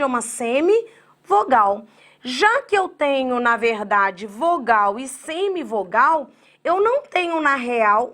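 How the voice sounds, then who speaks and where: Lively Brazilian woman teaching grammar. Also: high voice. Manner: lively, talks straight to students, acts out their objections; spells words out slowly by syllable. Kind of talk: online exam-prep lecture.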